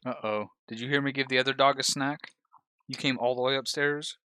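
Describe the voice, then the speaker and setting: A man's voice: mid-range voice, steady tone, brisk, bright, forceful tone, smooth, dry recording, clean studio sound. A man talking casually as he leads a squad during gameplay. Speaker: gamer commanding a squad. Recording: faint background noise.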